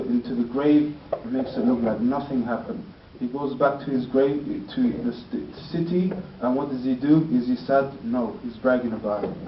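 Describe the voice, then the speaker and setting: A man telling a story in a sermon, using lots of fillers and rhetorical questions. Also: medium pitch. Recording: roomy, distant, dull lo-fi with faint noise.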